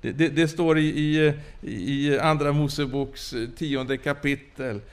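Man, preacher, sermon, fairly high voice, halting, many fillers and restarts, hallelujah exclamations. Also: steady tone, clear, resonant tone. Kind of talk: sermon with personal testimony.

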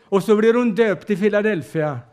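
A man's voice: sits high, a little mellow. An older man preaching a storytelling sermon, retelling conversations and often turning to the audience.

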